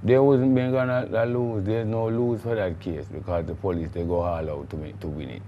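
A man's voice: low voice, level tone, normal speed, lo-fi sound, slight background noise. A middle-aged man with a Jamaican accent, a guest in a studio interview, talking in a rambling, emphatic way with patois phrasing. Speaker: guest, recording artiste.

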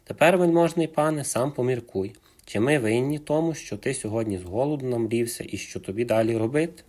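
A man voicing a small, timid but cunning male hare who speaks politely and flatteringly, with a husky voice. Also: medium pitch, brisk, natural voice. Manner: polite, flattering, as courteous as he can.

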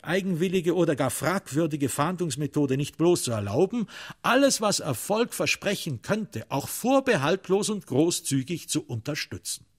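Reading literary narration for a radio crime drama, a man speaks in a slightly high, husky voice. His phrasing is measured and deliberate, with dramatic, emphatic stresses.

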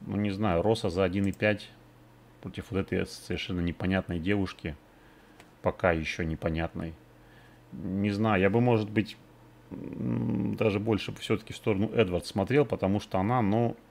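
Man, very low voice, casual fight preview, hesitant, lots of fillers. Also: moderate pace, vocal fry, a little mellow. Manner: hesitant, thinking aloud with many fillers. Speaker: MMA betting podcast host.

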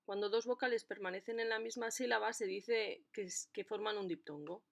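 A woman explaining a lesson in a clear, deliberate way, stressing the syllables of her examples. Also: mid-range voice. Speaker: language teacher.

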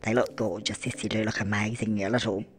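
Narrating a life-sim game in character, a man plays a fussing, doting grandmother who coos endearments and answers her own questions. He speaks a little fast in a lowish, flat voice close to his everyday one. There's music behind him.

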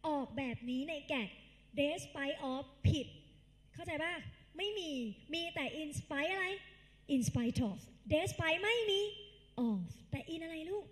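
High-voiced woman tutor in a reverberant hall. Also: animated, takes it slowly. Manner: quizzing the class in call-and-response, drilling pronunciation; calls the students kids and dear. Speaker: English tutor. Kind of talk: live exam-prep lecture.

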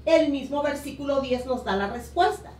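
A middle-aged woman from Honduras, a pastor, preaching a sermon with emphatic, drawn-out key words from a room at home on a webcam. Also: high voice, lively intonation, darkish tone. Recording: roomy echo, voice a bit distant.

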